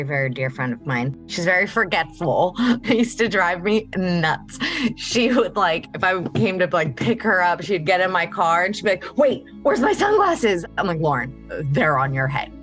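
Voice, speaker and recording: A woman interviewed as a close friend, telling animated anecdotes in casual talk. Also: fairly low pitch, unhurried, faint music behind.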